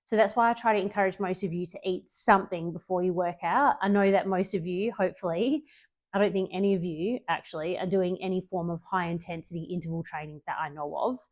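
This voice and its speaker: A woman's voice: fairly low pitch, brisk. A woman fitness coach giving a casual spoken tutorial to her clients, chatty and loose, with frequent ums and self-corrections.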